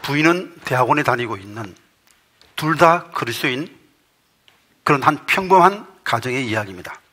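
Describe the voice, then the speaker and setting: A middle-aged man preaching a sermon as pastor, emphatic and rising to forceful peaks. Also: mid-range voice, expressive. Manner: reads a quoted testimony aloud in a measured storytelling tone.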